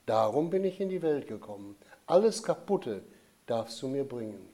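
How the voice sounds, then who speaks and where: A man voicing a gentle, patient holy child in a storybook tale, speaking softly and calmly. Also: moderate pace. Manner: soft, low, calm and explaining.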